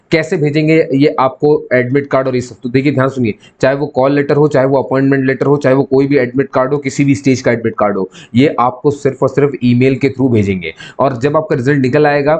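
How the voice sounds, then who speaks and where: A man with a mid-range, slightly mellow voice gives viewers an informal explainer as a channel host. He's instructive, repeats key points, and poses questions that he then answers himself.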